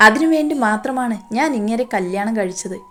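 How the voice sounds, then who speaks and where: A woman voicing a scornful scheming stepmother, fairly high voice. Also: expressive, normal speed, a bit bright, a little hiss or hum. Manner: scornful, harsh and bossy. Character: scheming greedy stepmother, middle-aged woman.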